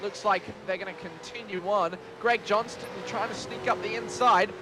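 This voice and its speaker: A man's voice: high-pitched, fairly even intonation, moderate pace. A man giving play-by-play motorsport commentary on an online sim race, as a race commentator does. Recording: constant car engine noise. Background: race cars and engine noise.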